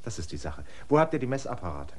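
In a classic German radio drama, an actor plays a weary, suspicious middle-aged land surveyor, a stranger who gives his assistants firm orders. He sounds tired, suspicious and commanding, his natural, medium-pitched voice swinging widely in pitch at a quick pace.

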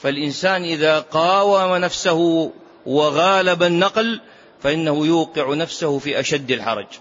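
A man with a fairly high voice delivers a religious lesson, explaining a classical text to his listeners. He drives points home by saying them twice and poses rhetorical questions along the way. The recording is dull and lo-fi. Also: normal speed, fairly bright tone. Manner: repeats key phrases for emphasis. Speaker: sheikh teaching a classical text.

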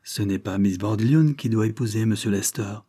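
A man's voice: fairly low pitch, fairly quick, warm tone, slightly rough. A man playing an embarrassed, placating butler. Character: embarrassed conciliatory male butler.

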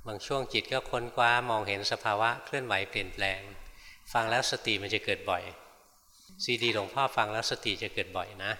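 Thai monk preaching fast n blunt, lowish voice, hall echo. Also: male voice, bright, forceful tone. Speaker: meditation teacher monk. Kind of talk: dharma talk with questions from the audience. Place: large meditation hall.

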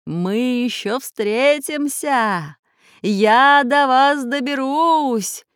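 A woman voicing a menacing male villain, the lord of plants, in a storybook, threatening slowly. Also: sits high, smooth, dry recording, studio quality, voice pushed up.

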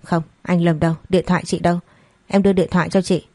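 A woman gives voice to a young bride close to breaking, her questions tumbling out one after another. The tone stays low and soft, recorded dry and close. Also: flat delivery, fast, no echo. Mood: pleading, anxious. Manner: pleading, anxious questions. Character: distraught young bride searching for her fiancé.

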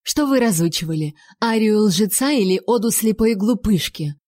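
A woman voicing a proud young noblewoman who speaks in a sharp, accusing way. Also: medium pitch, steady tone, moderate pace, dry recording, clean studio sound, close to an everyday voice. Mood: furious.

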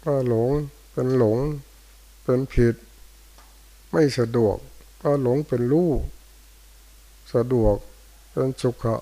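An older male Buddhist monk, giving a dharma talk in short, unhurried phrases with pauses. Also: mid-range voice, mellow, low-quality recording. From Thailand. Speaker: monk teacher. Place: monastery hall after morning chanting.

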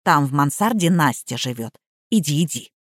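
Woman reader as a bossy housekeeper, quick orders; audiobook. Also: low-pitched, expressive, dry recording, clean studio sound, pitched below the performer's own voice. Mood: brisk. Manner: brisk, ordering. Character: bossy middle-aged housekeeper.

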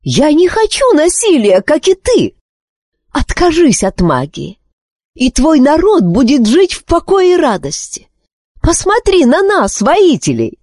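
A cunning, hot-tempered queen from a storybook, as a woman reader puts her on. Her voice rises high and swings widely with imperious force. Every line sounds close and dry. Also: wildly swooping pitch, measured pace, a little mellow, husky, no room sound, exaggerated voice. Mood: furious. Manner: imperious, shrill when angered.

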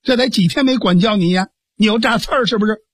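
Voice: mid-range voice, fast talker, no room sound, clean studio sound, natural voice. A storyteller voicing a feisty young swordswoman. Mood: scolding. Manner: sharp, scolding. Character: feisty young woman martial artist, scolding.

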